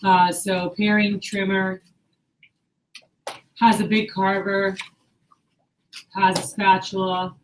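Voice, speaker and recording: A woman's voice: medium pitch, completely flat delivery, slow, pauses often, a little hiss or hum, low-quality recording. A woman leading a sales training meeting, coaching her team in an upbeat way and quizzing them on the steps.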